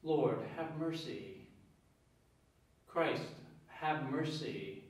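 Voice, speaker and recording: A priest's slow, solemn voice drifts through a vast cathedral echo, as if the mic stands far back in the nave. He leads prayers and readings in a measured, unhurried cadence, and his voice sits a little high for a man. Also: animated. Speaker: priest celebrating Mass. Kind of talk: liturgical prayer and scripture reading. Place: large reverberant church.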